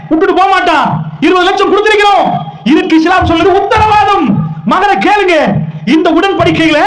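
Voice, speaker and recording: A man's voice: extremely high pitch, fairly bright tone, reverberant, rough recording. A man preaching an Islamic sermon, fervent and emotional, firing rhetorical questions at the congregation.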